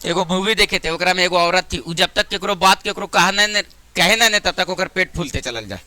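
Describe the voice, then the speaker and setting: A man's voice: high-pitched, fairly quick, sharp tone, dry recording. A man with a Bihari accent teaching math to a class in a classroom, chatty and joking, sometimes scolding students. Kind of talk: classroom lesson.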